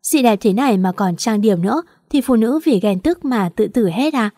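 A woman voicing a cheerful young woman who flatters playfully. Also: fairly high pitch, moderate pace, no echo, studio quality.

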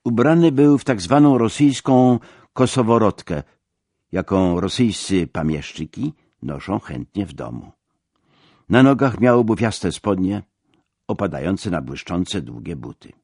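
A man's voice: low voice, very animated, measured pace, a little mellow, dry recording, clean studio sound. A man narrating an audiobook, telling the story expressively and dramatically.

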